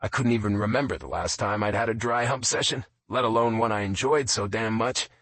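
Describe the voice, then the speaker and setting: A man narrating a romance audiobook in a low, intimate first-person reading. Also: a little fast, a bit bright, dry recording.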